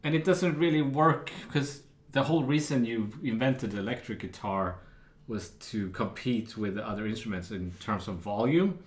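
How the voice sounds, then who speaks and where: A man giving a casual guitar lesson, explaining patterns in a relaxed way with fillers. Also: lowish voice, moderate pace, reverberant. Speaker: guitar teacher. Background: acoustic guitar playing.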